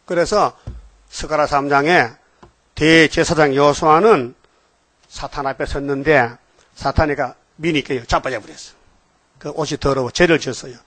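A man's voice: fairly high pitch, steady tone, normal speed, long pauses, fairly bright tone, no room sound. An older man preaching a sermon, emphatic and constantly prompting the congregation for a response. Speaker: pastor.

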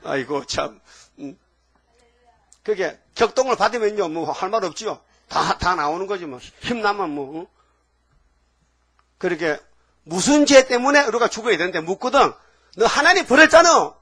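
A man in his seventies preaching a sermon in a folksy, fiery way, with sudden loud outbursts. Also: high voice, husky. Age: 70s. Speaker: pastor.

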